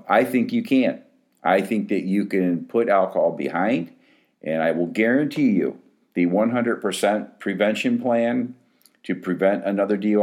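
A man's voice: deep voice, a little mellow. A man in his fifties, an addiction counselor, talking casually to his clients in a rambling, frank way full of restarts.

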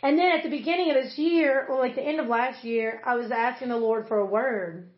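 A woman's voice: a little high, brisk. A woman pastor giving an earnest, conversational devotional teaching, with many casual fillers. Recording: roomy, slightly dull recording.

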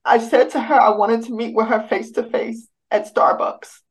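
A woman's voice: fairly high pitch, steady tone, slightly rough, rough recording. Woman telling an emotional faith story. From United States. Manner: halting, many restarts, rising as she grows emotional. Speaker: guest sharing a personal story. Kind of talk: personal testimony, emotional storytelling.

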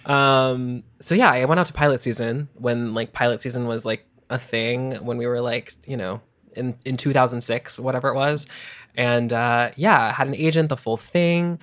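A man in his thirties, a former child actor, chatting casually as an interview guest, rambling and animated with constant "like"s. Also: medium pitch, moderate pace. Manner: rambling, heavy use of "like", animated.

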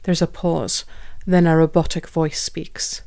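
A woman hosting a short-fiction podcast, reading a story in a measured, deliberate way. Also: low voice, little pitch movement, gravelly, dark tone. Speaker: podcast host and narrator. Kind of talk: scripted narration of a short story. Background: faint guitar music.

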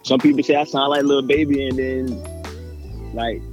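A man's voice: mid-range voice, fairly even intonation, unhurried, darkish tone, soft background music, low-quality recording. Laid-back young man with a South Carolina accent. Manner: laid-back, slangy, repeats himself. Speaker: rapper guest. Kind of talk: casual interview.

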